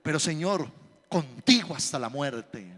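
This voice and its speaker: A man voicing an impulsive male disciple, pleading in a hushed, insistent way. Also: fairly high pitch, lively intonation, unhurried, big-room sound, voice pushed down. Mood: devoted.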